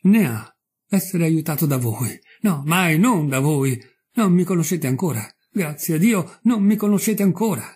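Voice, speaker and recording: A hunted murderer pours out his anguish in a raised, husky voice, as a man reading the story puts him on. His dark tone strains upward as he pleads. He sounds like an audiobook character. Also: on the high side, animated, moderate pace, voice pushed up. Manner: impassioned, anguished.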